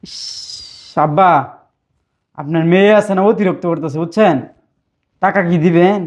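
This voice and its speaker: A man's voice: sits high, moderate pace, highs cut off, natural voice. A man playing a greedy, insolent son-in-law who mocks and demands money. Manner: mocking, wheedling, insolent. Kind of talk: web drama acting.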